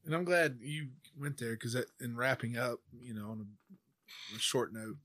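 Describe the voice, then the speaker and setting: An American man hosts a faith podcast, chatting casually as a church member about his beliefs. His mid-range voice is sharp in tone and fairly even in intonation, at a normal speed, with a touch of hiss or hum.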